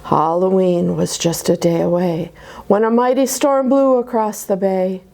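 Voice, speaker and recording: A woman reads a rhyming children's picture book aloud at church story time, expressive and dipping into dramatic whispers. Her mid-range voice is unhurried, with vocal fry.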